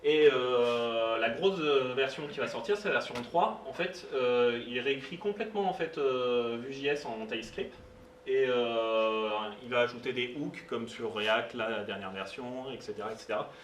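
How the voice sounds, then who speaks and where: A man's voice: medium pitch, a little slow. Hesitant man speaking in an echoey room. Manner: hesitant, many fillers, informal asides. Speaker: meetup speaker. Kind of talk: live technical talk. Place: meetup room. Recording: roomy sound, distant mic, faint noise.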